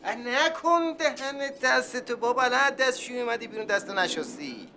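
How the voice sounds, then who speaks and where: A bickering airport worker in a comedy series. He speaks with a high, bright voice and answers back stubbornly. A faint noise hangs behind him. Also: animated, full character voice. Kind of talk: sitcom acting.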